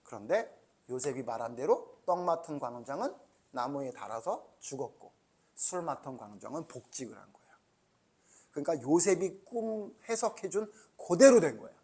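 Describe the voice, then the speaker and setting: A man's voice: a little high, animated, normal speed, dark tone, slightly rough. A man preaching a children's Sunday school sermon, talking casually and asking the children lots of questions. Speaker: pastor.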